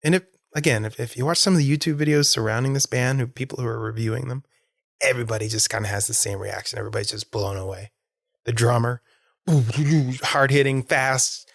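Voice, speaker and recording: A man's voice: medium pitch, fast, vocal fry, a bit bright, dry recording, studio quality. A man hosting a podcast, rambling with enthusiasm about a concert and laughing often. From Florida. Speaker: podcast host. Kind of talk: casual solo podcast monologue.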